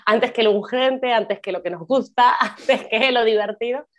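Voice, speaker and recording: A woman's voice: fairly high pitch, moderate pace. A woman co-hosting a podcast, chatting casually about books with friendly laughs and fillers. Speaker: podcast co-host. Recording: dull lo-fi audio.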